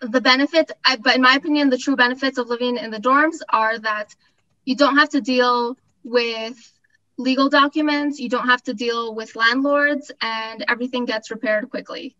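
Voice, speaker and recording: A Costa Rican graduate student in her twenties gives an informal, enthusiastic testimonial at an online information session. Her voice sits fairly high, with fairly even intonation, a moderate pace, and a sharp tone. The recording sounds muffled.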